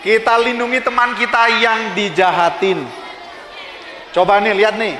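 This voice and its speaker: A man giving a children's sermon as a pastor, animated and asking the children lots of questions. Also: high-pitched, moderate pace. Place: church hall. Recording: echoey hall with children's crowd.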